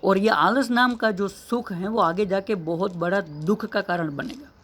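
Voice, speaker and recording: A man's voice: high voice, measured pace, a bit bright. A man, an English teacher, giving an earnest motivational lesson, asking rhetorical questions and repeating key phrases.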